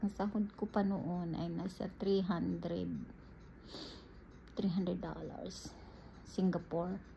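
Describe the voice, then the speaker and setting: A woman's voice: fairly low pitch, takes it slowly, creaky, pauses often. A woman from the Philippines casually telling viewers about her life, talking to them as guys. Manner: animated, addresses viewers as guys. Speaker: vlogger. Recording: dull lo-fi audio with faint ambient noise.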